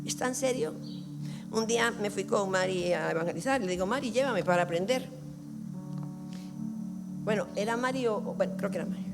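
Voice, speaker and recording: A woman, preaching an emphatic sermon that swings between loud and hushed and acts out little dialogues. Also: medium pitch, quick pace, vocal fry. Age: 60s. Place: church hall. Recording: long church reverb with music behind.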